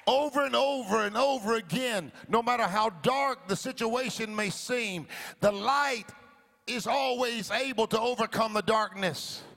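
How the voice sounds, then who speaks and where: A man preaching a rousing sermon like booming biblical narration, with emphatic, drawn-out declarations and rhythmic repetition. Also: creaky, bright, forceful tone. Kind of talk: rousing call-and-response sermon. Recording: music playing behind the preaching. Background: music.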